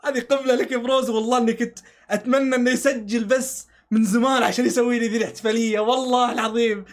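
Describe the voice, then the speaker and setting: A man reacts live to a football match in a very high voice. He swears oaths, begs the players to score and argues with the referee as he goes. It is an excitable, emotional fan reaction. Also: rapid-fire.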